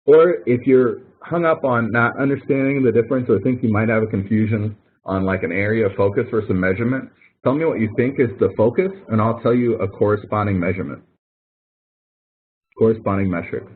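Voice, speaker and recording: In a casual online tutoring session, this man, a college professor, explains things one step at a time and leans on emphatic repetition. His voice sits fairly low and moves a little fast. Captured through an online call mic, the sound is thin and phone-like, typical of conference audio.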